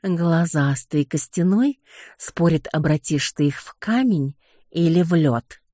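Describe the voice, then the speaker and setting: A reader voicing a sly talking house cat in an audiobook, with a slow drawl. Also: medium pitch, lively intonation, mellow, no echo, clean studio sound.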